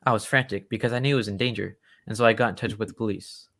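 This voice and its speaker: An actor playing a genial, loyal and excitable English gentleman doctor who tells stories in old-time radio drama style. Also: lowish voice, racing. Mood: earnest storytelling. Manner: genteel, old-fashioned storytelling.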